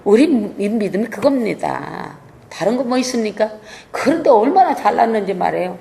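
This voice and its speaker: A woman's voice: medium pitch, lively intonation, moderate pace, creaky, warm tone. A woman pastor giving an emphatic, colloquial sermon.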